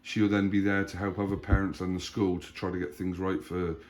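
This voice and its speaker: Dad vlogger with a very low voice, chatty and loose. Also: male voice, a little fast. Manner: chatty, rambling, animated when retelling stories. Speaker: family vlogger, father. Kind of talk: casual chat.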